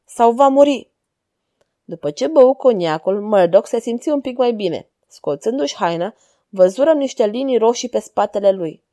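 A woman narrating a story in a calm, even reading voice. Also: medium pitch, dry recording, clean studio sound.

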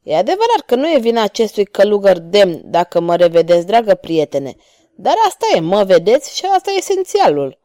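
A woman's voice: mid-range voice, sing-song, warm tone, no room sound, clean studio sound, close to an everyday voice. A woman voicing a bold, mocking male cavalier swordsman who speaks with courtly irony. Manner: ironic, courtly and taunting.

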